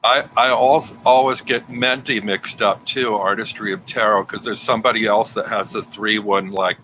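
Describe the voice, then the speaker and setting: A man's voice: on the low side, fairly even intonation, moderate pace, bright, forceful tone, low-quality recording. A man hosting a livestream and chatting casually with his guest and viewers. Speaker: livestream host. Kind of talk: casual chat. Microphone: home livestream setup. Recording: faint background noise.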